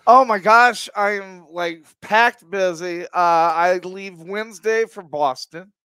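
A man talking as a guest on a chat show, excitable and rambling. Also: high voice, slow pace, clear, resonant tone, no echo. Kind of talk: casual chat.

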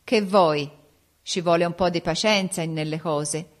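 A woman's voice: on the low side, measured pace, natural voice. A woman reading the part of a jealous king, raising her voice in accusing outbursts. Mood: questioning. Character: angry jealous king, man.

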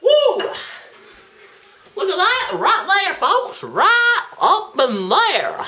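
A man's voice: extremely high pitch, wildly swooping pitch, very slow, bright, forceful tone, exaggerated voice. A young man voicing Floyd, a folksy, goofy male cooking-show host who keeps saying "y'all" and "folks," in a hammy, put-on voice, filmed in a home kitchen by a camera across the room. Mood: excited. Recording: echoey kitchen, far camera mic, faint noise.

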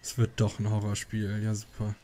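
A man's voice: fairly low pitch, monotone, moderate pace, dark tone, a little hiss or hum. A man giving casual let's play commentary, musing and thinking aloud.

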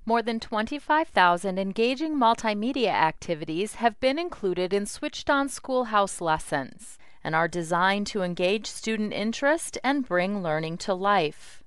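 Casting: female demo narrator, scripted instructional read, crisp voice, dry studio sound. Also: medium pitch, expressive, unhurried, few pauses, no room sound.

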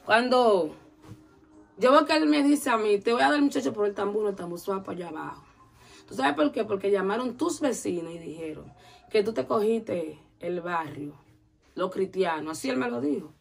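In a casual interview, a woman animatedly tells a long story, acting out the voices of the people in it. Her voice is mid-range and husky, with vocal fry.

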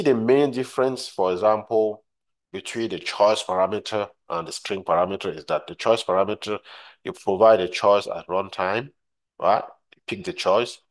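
A man giving a screen-recorded software tutorial, walking through steps and often checking in with "right?" while repeating his points. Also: fairly low pitch. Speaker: tutorial instructor.

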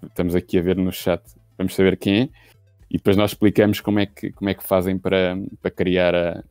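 A man's voice: low-pitched, flat delivery, brisk, darkish tone, clear, resonant tone, dry recording, soft background music. A man with a European Portuguese accent, co-hosting a podcast on a video call and explaining a quiz step by step. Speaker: podcast co-host. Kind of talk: casual chat.

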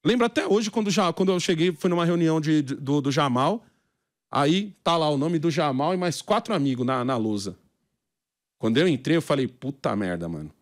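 Fast-talking brazilian guy, slangy storyteller on a podcast, a bit high, dry sound. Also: no echo. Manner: slangy storyteller, acts out quoted voices. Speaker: podcast guest. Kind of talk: casual chat.

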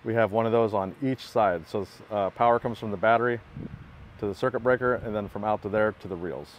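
A man with a lowish voice talks a little fast as he shows a work truck in a parking lot, with slight background noise. He's the equipment builder giving a casual, matter-of-fact walkthrough on a phone he holds himself.

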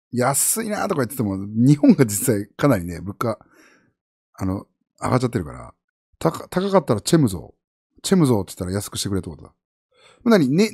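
Man streamer, casual chat, quick delivery, huge pitch swings, slightly husky voice. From Japan. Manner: rambling, animated, jumps between high and low pitch.

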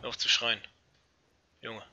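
Very bright-voiced excitable young gamer man. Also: unhurried, a little hiss or hum. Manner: excitable, swears and talks to viewers. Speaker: let's play gamer. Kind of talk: casual gameplay commentary. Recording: dull lo-fi gaming mic.

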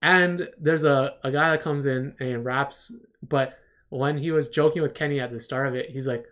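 A man's voice: medium pitch, fairly even intonation, normal speed, fairly bright tone. Male stream host reviewing storyboards: casual, upbeat, rambling, mid-range voice. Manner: enthusiastic, rambling, heavy on "like". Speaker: storyboard artist reviewing viewer work. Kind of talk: casual livestream critique.

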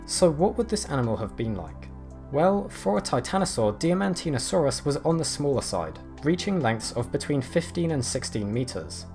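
A man narrating a scripted nature documentary in a measured, explanatory way. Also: fairly high pitch, sing-song, a little mellow. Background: background music.

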